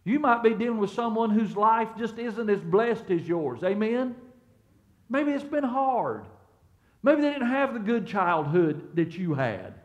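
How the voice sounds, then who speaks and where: A middle-aged male pastor giving a conversational sermon in a church, shifting between hushed storytelling and loud emphatic peaks. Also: sits high, sing-song, unhurried. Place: church sanctuary.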